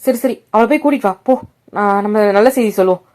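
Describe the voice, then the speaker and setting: A woman's voice: medium pitch, quick pace, darkish tone, close to an everyday voice. A woman voicing a talkative village father telling his wife news. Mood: happy. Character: cheerful village father, proud of his daughter.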